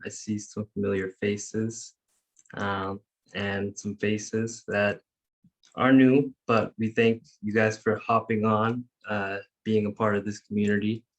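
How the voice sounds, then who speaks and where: Deep, flat-voiced man leading a call. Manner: measured, formal, reads prepared remarks. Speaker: youth council facilitator. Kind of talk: leading an online meeting. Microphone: video call.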